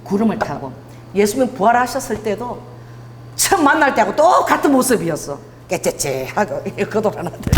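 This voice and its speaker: A middle-aged woman pastor preaching a sermon in a church, telling the story with acted-out quotes and frequent laughter. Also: medium pitch. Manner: lively storytelling, acts out quotes, laughs often. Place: church sanctuary. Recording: long hall reverb, faint hum.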